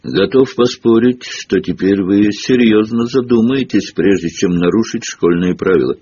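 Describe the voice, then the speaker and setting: A man voicing a spiteful old male school caretaker who talks in a slow, gloating, menacing way. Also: fairly low pitch, dark tone, husky, muffled recording.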